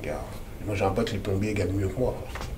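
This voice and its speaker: A man's voice: low-pitched, fairly even intonation, quick pace, a little mellow, echoey room, slight background noise. A man from the Democratic Republic of the Congo, in his thirties, speaking as an activist interview guest in a casual, emphatic, slangy way.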